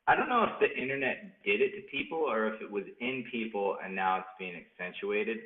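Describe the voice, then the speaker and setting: A man's voice: lowish voice, expressive. A man hosting a podcast in casual chat, easygoing and agreeable. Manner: easygoing, agreeable, quick to laugh along. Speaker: podcast host. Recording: tinny phone-like sound in an echoey room.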